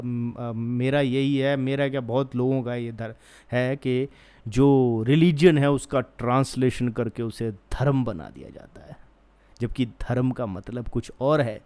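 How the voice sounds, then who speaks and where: A man's voice: on the high side, a little mellow. A young man giving opinion commentary in an earnest, argumentative way, stopping often with fillers and restarts. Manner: acts out soothing quoted voices. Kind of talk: opinion commentary on a news case.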